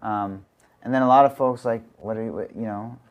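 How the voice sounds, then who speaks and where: A man's voice: fairly low pitch, steady tone, brisk. A man hosting a podcast, chatting casually and asking long, rambling questions full of "like". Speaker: podcast host.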